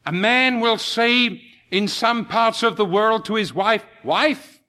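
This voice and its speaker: A man preaching a sermon to his congregation, slow and emphatic, rising into impassioned peaks. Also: sits high, sharp tone.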